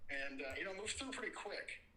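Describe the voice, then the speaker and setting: Storm chaser, male, crisp-edged bright voice, conversational and rambling live report, echoey space. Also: sits high, expressive, a little fast. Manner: rambling, informal, matter-of-fact. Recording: roomy, echoey sound.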